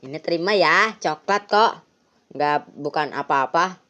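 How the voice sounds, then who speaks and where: A woman voicing a polite, friendly boy who talks casually and tries to calm things down, on a lo-fi recording. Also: deep voice, measured pace. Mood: placating. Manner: casual, placating. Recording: lo-fi, dull sound.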